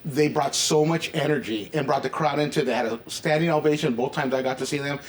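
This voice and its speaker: Upbeat guy interviewer, kinda high voice, talks really fast, super enthusiastic. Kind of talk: casual vlog-style interview. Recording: noisy with ambient background sound.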